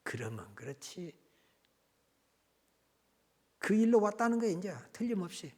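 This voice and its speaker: A male pastor preaches in a church, telling a story with a fairly high voice. He swings from loud, pressing lines to hushed asides as he builds the story. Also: big pitch swings, unhurried. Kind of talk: storytelling sermon.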